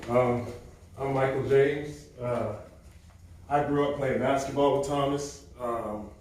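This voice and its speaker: A man's voice: mid-range voice, very slow, pauses often, distant mic. Confident man speaking in an echoey room. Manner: relaxed, confident, with many ums. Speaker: event speaker. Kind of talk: casual self-introduction talk. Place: event room.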